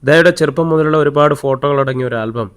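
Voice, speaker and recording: A man's voice: fairly high pitch, fast talker. Man narrating a story audiobook.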